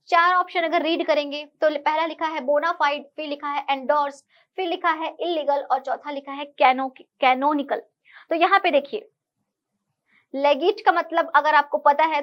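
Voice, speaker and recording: A woman's voice: sits high, dull audio. A woman teaching an online exam-prep English lesson, explaining each question patiently and repeating key words.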